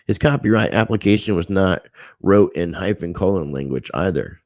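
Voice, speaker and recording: Deep gravelly man hosting a livestream. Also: expressive, normal speed, a little mellow, no room sound. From United States. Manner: aggrieved, thanks viewers by name. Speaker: livestream host. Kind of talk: casual livestream chat reading comments.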